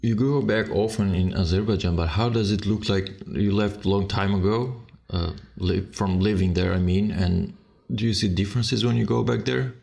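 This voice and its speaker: Creaky low-voiced man hosting a podcast. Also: steady tone, moderate pace, hardly any pauses, darkish tone. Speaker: podcast host. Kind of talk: casual interview conversation.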